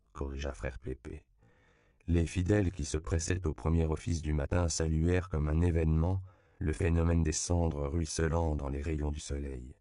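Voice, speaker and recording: A man reads an audiobook in a calm, measured way. His voice is very low and gravelly, with a dark, smooth tone. The recording is close and dry. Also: dry recording. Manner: measured, even storytelling. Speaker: narrator. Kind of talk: audiobook narration.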